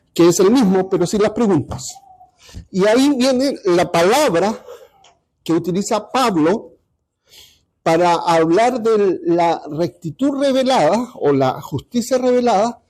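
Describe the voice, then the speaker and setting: A man teaching a Bible study class, pausing often and checking in with his listeners. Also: high-pitched, dark tone. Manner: halting, repeats ¿ya? to check understanding.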